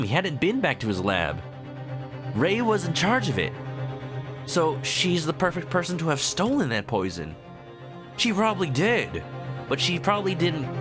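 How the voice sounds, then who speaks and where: Male streamer: casual, playful game commentary, lively swinging pitch, medium register, prominent music. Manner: playful, animated. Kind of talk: casual joking gameplay commentary.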